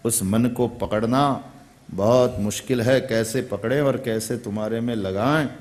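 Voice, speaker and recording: A man's voice: fairly low pitch, a little mellow. A middle-aged male preacher giving a devotional sermon in a conversational way, often turning to the listeners with questions. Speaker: spiritual preacher.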